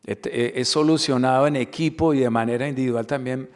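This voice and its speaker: A man's voice: medium pitch, steady tone, fairly quick. A man from the Dominican Republic giving a corporate training webinar, emphatic and fond of rhetorical questions and repeated key words. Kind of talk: webinar lecture.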